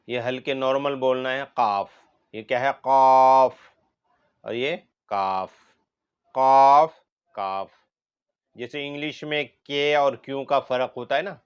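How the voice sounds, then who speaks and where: A man's voice: mid-range voice, smooth, dull audio. A man teaching a lesson on Quran letter pronunciation, drawing out each letter sound and repeating it for students.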